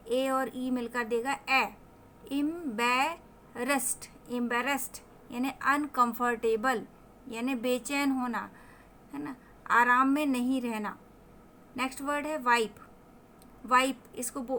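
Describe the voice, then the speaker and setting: A high, bright-voiced woman leads a vocabulary lesson at an unhurried pace. She stretches out each word slowly to show how it is pronounced, then explains what it means. A faint hiss of background noise sits under her voice. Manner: slow, drawn-out word pronunciations, mixing Hindi explanations with English definitions. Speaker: teacher. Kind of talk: vocabulary lesson with pronunciation drills.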